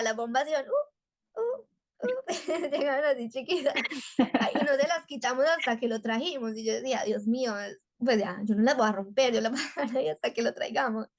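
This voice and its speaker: A young woman from telling a personal story as a podcast guest, quick and repetitive, often acting out her own thoughts in quotes. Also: a little high. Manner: rapid, repetitive, animated retelling with quoted inner speech. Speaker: guest, mother.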